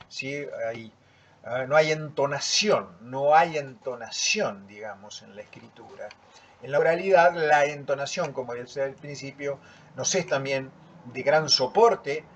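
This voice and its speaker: A man, teaching a lecture in a slow, deliberate manner and often checking in with "¿sí?". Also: a little high, husky. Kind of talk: lecture reviewing student work. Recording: dull lo-fi recording.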